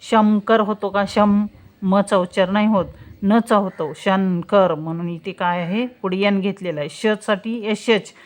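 A woman teaching spelling step by step, saying example words slowly and answering her own questions. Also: mid-range voice, fairly even intonation. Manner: slow, drawn-out pronunciation of example words, asks questions and answers them herself. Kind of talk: spelling lesson, explaining step by step.

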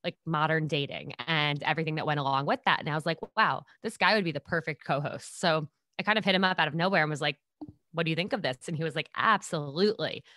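A woman in her twenties from New York speaks in a low, fast voice that sounds pushed and bright, recorded clean in a studio with no room sound. She's a bubbly podcast guest telling stories in casual chat and acting out what people said.

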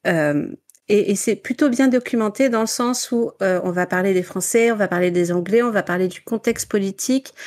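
A woman's voice: mid-range voice, brisk, a little mellow. Chatty French woman discussing a novel. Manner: chatty, many fillers, laughs often. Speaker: book club member presenting a novel. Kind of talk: casual book club chat.

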